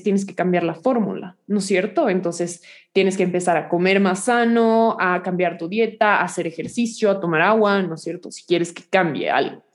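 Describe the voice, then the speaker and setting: A young woman with a slightly nasal voice, teaching a recorded class on social media in a casual, direct way, often checking in with her listeners. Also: mid-range voice. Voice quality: a little nasal.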